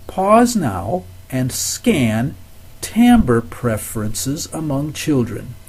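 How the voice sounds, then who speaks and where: An older man giving a recorded course lecture, telling anecdotes in a measured, instructive way. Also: mid-range voice, sing-song, vocal fry, darkish tone, slightly rough.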